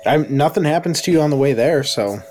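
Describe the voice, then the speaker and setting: A man's voice: on the high side, expressive, fast, darkish tone, faint music behind. A man running a tabletop horror game as game master, joking with his players.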